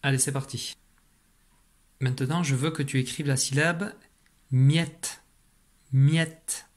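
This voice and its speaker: A man's voice: medium pitch, fairly even intonation, normal speed. A man teaching a spelling dictation lesson, speaking patiently, repeating each syllable and sometimes whispering it. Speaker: primary school teacher.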